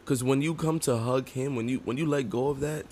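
A man co-hosting a faith podcast, explaining in a relaxed way and often chiming in with agreement. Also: medium pitch, brisk, a little hiss or hum. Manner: affirming, chimes in with agreement. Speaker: podcast co-host.

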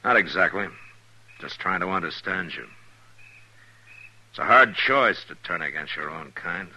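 A man acting as a stern, steady frontier marshal in a 1950s radio western, laconic and commanding, measured in delivery. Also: deep voice, heavily acted. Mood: measured, probing. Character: stern, steady male frontier marshal, patient but firm. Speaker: lead actor in a radio western. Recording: noisy vintage 1950s radio broadcast recording.

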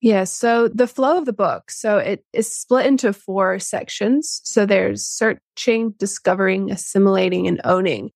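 Young woman with a creaky voice. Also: medium pitch, measured pace, few pauses, a little mellow, no echo, studio quality. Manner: explains at length, many restarts. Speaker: co-author guest. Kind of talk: interview answers.

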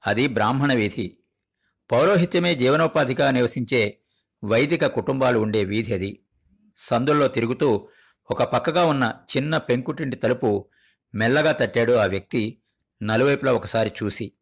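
A man hosting an audio story show, reading a short story in a measured, deliberate way with long pauses. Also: medium pitch, vocal fry. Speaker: storyteller host. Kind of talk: dramatic story narration.

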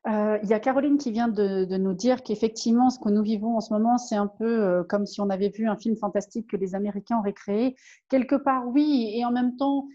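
A woman with a fairly high but mellow voice, co-hosting a live talk, speaks reflectively and reaches for homely comparisons. The sound is dull and lo-fi. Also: steady tone, a little fast. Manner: reflective, uses everyday comparisons. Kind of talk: casual live discussion.

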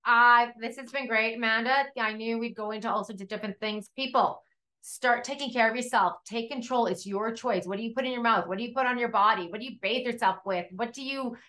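A woman hosting a casual podcast interview, animated and repeating "like" as she talks. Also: fairly high pitch, brisk. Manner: animated, exclaims often, repeats "like". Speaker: podcast host.

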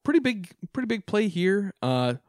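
A man's voice: high voice, sing-song, moderate pace, a little mellow, dry recording, clean studio sound. A man co-hosting a sports podcast, talking in a casual, rambling way with frequent restarts. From Minnesota. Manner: rambling, restarts often, laughs easily. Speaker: podcast co-host.

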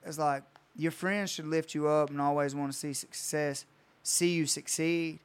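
A young man tells a story on a podcast, swearing freely and acting out what people said to him. His voice is fairly high for a man and sounds clear and smooth. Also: steady tone, moderate pace. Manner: storytelling, retells conversations with swearing. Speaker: coach. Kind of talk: casual podcast chat.

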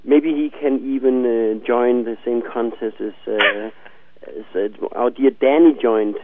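A man's voice: medium pitch, measured pace. A man of forty co-hosting a casual chat, hesitant, repeating words and laughing often. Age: 40s. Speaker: podcast co-host. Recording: tinny phone-like line.

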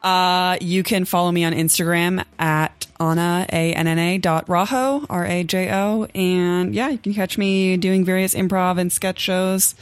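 A woman's voice: fairly low pitch, fairly even intonation, unhurried, few pauses, clean tone, no echo. A woman chatting casually as an improv performer guesting on a podcast. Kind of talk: casual chat.

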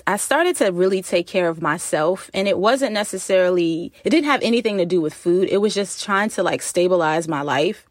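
A woman's voice: lowish voice, lively intonation, moderate pace, hardly any pauses, dry recording. Casual woman podcaster, very dry closet sound. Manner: chatty, informal, laughs while talking. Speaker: podcast host. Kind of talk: casual solo podcast talk. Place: recorded inside a closet.

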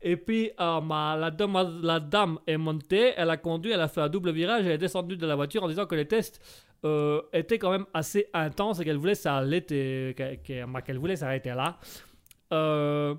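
A man playing a male coroner in a comedy radio sketch, talking haltingly with lots of fillers. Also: on the high side, clear, resonant tone, voice pushed down, lightly acted. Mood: earnest. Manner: hesitant, halting with many fillers. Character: male coroner giving a hesitant report.

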